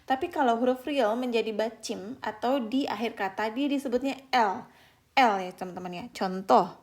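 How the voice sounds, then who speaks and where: Patient young woman teaching, gravelly voice. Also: fairly high pitch. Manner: patient, repeats example words slowly and often addresses viewers as friends. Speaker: Korean language teacher. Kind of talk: online beginner lesson.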